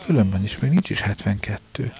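A man's voice: fairly low pitch, animated, a little mellow. A man reading the part of a stubborn, eager teenage son who insists on getting his way in an audiobook. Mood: insistent.

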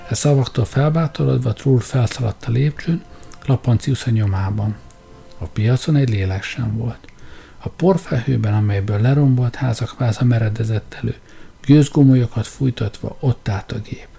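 A man's voice: mid-range voice, creaky, dark tone, soft background music. A man narrating a story in a dramatic audiobook reading.

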